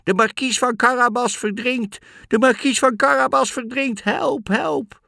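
A man's voice: very animated, moderate pace, sharp tone, dry recording, clean studio sound, full character voice. A man voicing a cunning, bossy talking cat in boots in a storybook reading. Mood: shouting. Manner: high, pushy, commanding.

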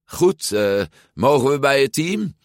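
A man's voice: medium pitch, big pitch swings, slow pace, no echo, clean studio sound, pitched above the performer's own voice. A man voicing a cocky, pushy boy full of bluster. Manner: boastful, urging.

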